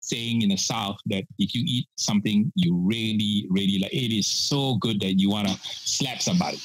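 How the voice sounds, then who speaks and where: This pitmaster from Penang, Malaysia, a man in his sixties, chats through stories as a guest in a casual podcast interview, laughing frequently and saying "uh" a lot. His lowish voice keeps a moderate pace on a low-quality recording.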